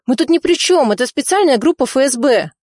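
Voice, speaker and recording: A woman voicing a cowardly, greedy male official who talks in a shrill, frantic way, in a storybook reading. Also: expressive, fairly quick, a little mellow, no echo, clean studio sound. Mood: panicked.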